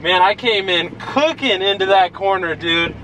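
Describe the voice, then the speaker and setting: A young man vlogging casually from his car with an excitable frat-bro way of talking, full of dude slang. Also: high-pitched, measured pace, rough recording. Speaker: car vlogger and amateur track driver. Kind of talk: casual vlog chat to camera. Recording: loud car engine and road noise.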